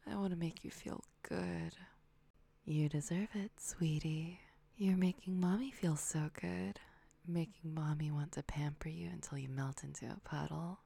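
Young woman for intimate ASMR roleplay: soft breathy whisper, low-set, gravelly edge, soothing and doting. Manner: slow, soothing, doting, with frequent hums and soft giggles. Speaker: audio roleplay performer.

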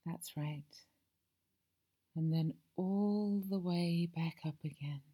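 A woman speaks in a soft, soothing ASMR roleplay as a masseuse, drifting between a hushed voice and whispers. Her tone is breathy and mellow, a little low, and she takes her time over every phrase. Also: takes it slowly.

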